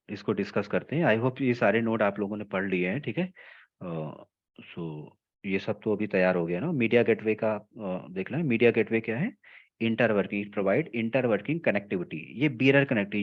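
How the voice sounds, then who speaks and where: The speaker is a telecom trainer whose voice runs on the low side. During his technical lecture he goes slowly, weaves in English terms, repeats important phrases and keeps checking on his audience. The audio quality is dull.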